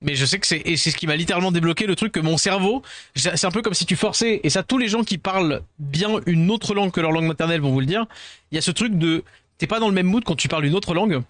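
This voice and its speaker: A man's voice: high-pitched, quick pace, a bit bright, no echo. A man from France, chatting casually with his viewers as a streamer, rambling and self-deprecating, tired, dropping English words into his talk.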